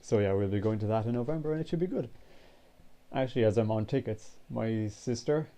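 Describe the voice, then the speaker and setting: Sniffly and congested, a male vlogger in his 20s chats casually in a medium-pitched voice, moving fairly quickly. The talk rambles along in a relaxed way, with some offhand cursing.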